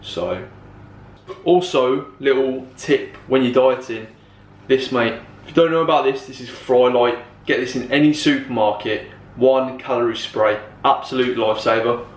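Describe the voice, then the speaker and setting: A man's voice: mid-range voice, normal speed. A man with a British English accent, a vlogger and personal trainer, talking casually and bluntly to his viewers with plenty of swearing and jokes, partly from a gym. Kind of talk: casual vlog chat. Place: gym, indoors.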